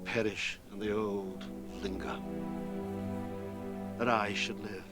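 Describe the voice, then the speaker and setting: A man's voice: on the low side, level tone, slow pace. An actor playing a solemn, mournful old fantasy king grieving his son in a film. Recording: film audio under loud music.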